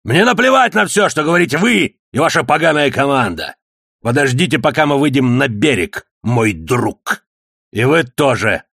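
A man voicing a hot-tempered male ship's cook and former boxer who growls and shouts. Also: medium pitch, fairly even intonation, moderate pace, hardly any pauses, slightly rough, no echo, studio quality, lightly acted. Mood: raging.

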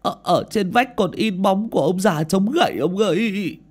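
A man's voice: high voice, lively intonation, moderate pace, breathy edge, pitched above the performer's own voice. A man voicing a terrified young male servant who stammers and cries out. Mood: pleading. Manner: stammering, shrieking in panic.

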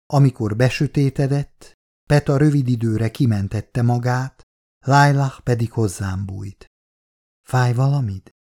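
A man narrating a novel in the first person, in a calm, measured way. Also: medium pitch. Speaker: audiobook narrator.

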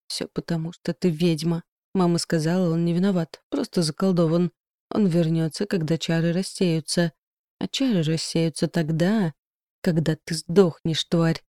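A woman voicing an obsessed male stalker with a muffled, hoarse voice, in a storybook reading. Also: fairly low pitch, fairly even intonation, moderate pace, mellow, dry recording, studio quality, natural voice. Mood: hateful.

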